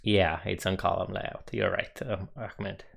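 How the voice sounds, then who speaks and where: A young man with a Romanian accent talks through his code on a live stream, slowly and in an easygoing way. His voice sits fairly low, and he muses aloud while he works at his desk mic. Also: little pitch movement, creaky, breathy edge. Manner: unhurried, musing, reads chat aloud. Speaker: coding streamer.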